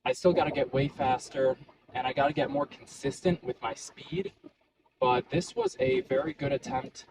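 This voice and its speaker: Casual male running vlogger, conversational and loosely phrased, mid-range voice, recorded with clear ambient and vehicle noise. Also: medium pitch, normal speed. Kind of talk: casual solo vlog talk to camera.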